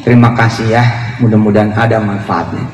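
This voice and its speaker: A man's voice: on the low side, fairly quick, a little hiss or hum. A man giving a humorous sermon, telling stories and acting out dialogue. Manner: lively storytelling, acts out dialogue. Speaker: preacher. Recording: echoey hall, from far off.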